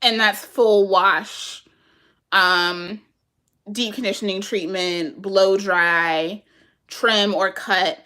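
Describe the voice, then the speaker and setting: A woman chatting casually with her viewers and answering their comments, animated and laughing often, talking to them as "y'all". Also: medium pitch, drawn-out words.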